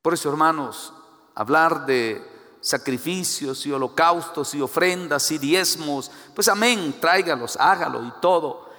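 A man preaching a sermon, shifting between loud exhortation and hushed asides. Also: on the high side, unhurried. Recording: echoey hall.

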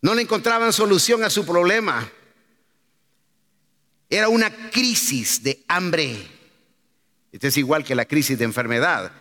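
A man's voice: a little high, lively intonation, a little slow, long pauses, bright, forceful tone. A man preaching a sermon, calling out emphatically and asking rhetorical questions. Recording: long hall reverb.

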